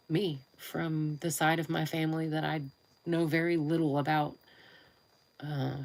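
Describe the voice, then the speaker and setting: A woman's voice: sits low, gravelly, darkish tone, low-quality recording. A woman with a nasal, congested voice, chatting informally and in a rambling way as she hosts a casual live stream. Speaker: live streamer and YouTube creator.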